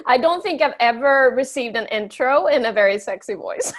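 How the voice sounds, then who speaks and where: A woman's voice: high voice, expressive, normal speed, a little hiss or hum. Laughing woman, a podcast guest. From Sweden. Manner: warm laughs, enthusiastic replies. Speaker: podcast guest, health coach. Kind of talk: casual podcast chat.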